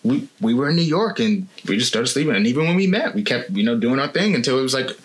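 A man's voice: mid-range voice, lively intonation, quick pace. A man with a mid-range voice chats casually as a podcast co-host. He rambles in a loose, easygoing way and fills his sentences with "you know". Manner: rambling and easygoing, many fillers. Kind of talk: casual candid chat.

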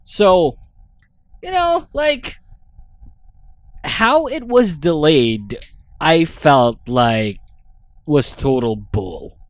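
A man's voice: on the high side, big pitch swings, extremely slow, pauses often, dry recording. A man hosting a podcast, rambling and swearing freely in casual chat. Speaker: podcast host.

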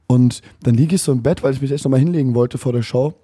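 A man's voice: medium pitch, quick pace, warm tone, echoey room. A young man telling a rambling, slangy story in a casual podcast chat from a backstage dressing room. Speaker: podcast co-host.

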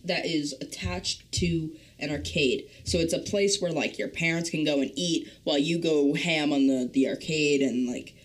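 A woman's voice: low-pitched, moderate pace, hardly any pauses. A young woman co-hosting a podcast, telling stories and joking casually with friends. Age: young adult. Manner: animated, joking. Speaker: podcast co-host. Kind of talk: casual chat and storytelling among friends.

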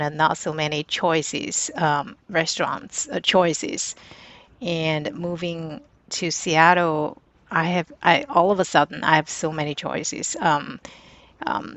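Very low-voiced woman speaking haltingly. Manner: halting, many "uh" and "um", non-native grammar. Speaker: panel guest, parent. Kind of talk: casual discussion. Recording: dry, dull lo-fi recording.

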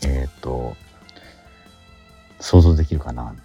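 A middle-aged man with a very deep, dark, breathy voice talks slowly as a radio host and stage actor. He chats casually about a theatre production, telling stories with acted-out asides. Music plays underneath his voice.

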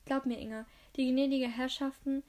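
A woman's voice: high-pitched, steady tone, moderate pace, warm tone, close to an everyday voice. A woman reading the lines of a kindly, sympathetic servant woman in a household kitchen.

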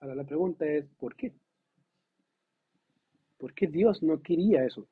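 Man, pastor, conversational sermon, husky voice, lo-fi sound. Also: on the high side, normal speed. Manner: conversational preaching, asks the congregation questions; lively, voices God and biblical figures in quoted dialogue. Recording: dull lo-fi recording.

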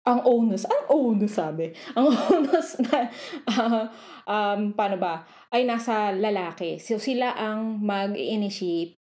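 A woman's voice: mid-range voice, slow, a little mellow. A woman with a Filipino accent co-hosting a podcast in casual, slangy, playful chat full of exclamations. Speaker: podcast co-host.

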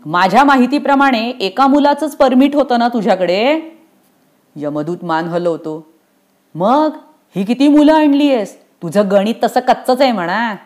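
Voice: mid-range voice, lively intonation, unhurried, a little mellow, pitched above the performer's own voice, close to an everyday voice. A reader voicing a joking male palace gatekeeper who mocks a messenger. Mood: teasing. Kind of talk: storytelling play reading.

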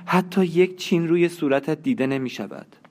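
A man's voice: a little high, pitched above the performer's own voice, close to an everyday voice. A man voicing a frightened, bitter young woman in an audiobook, lifting his voice into a strained, pleading tone. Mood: accusing.

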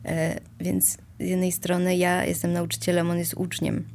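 A woman's voice: on the low side, completely flat delivery, normal speed, darkish tone, a little hiss or hum. A woman in casual conversation, talking reflectively and self-mockingly, with many hesitations and small laughs.

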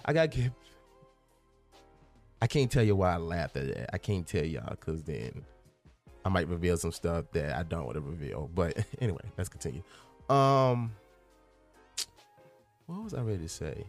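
Rambling low-voiced man hosting a podcast. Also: sing-song, moderate pace, long pauses, faint music behind. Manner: rambling and self-interrupting, stumbles over words. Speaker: podcast host. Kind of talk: casual gaming podcast talk, reading out a news article.

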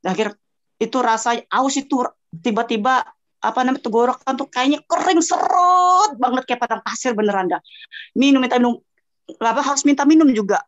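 In a casual chat, a female guest recounts her own story with animation, acting out the cries she made and the sounds she heard. Her voice is a little high and she talks fairly quickly. The audio is a dull, lo-fi voice message.

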